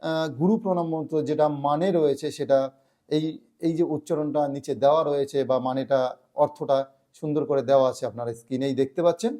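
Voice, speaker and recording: A man with a slightly high voice teaches how to pronounce a prayer mantra. He stretches each syllable slowly and at times chants the lines in a melodic tune. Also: steady tone, warm tone. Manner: slow, drawn-out syllable-by-syllable pronunciation. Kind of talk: explanatory lesson.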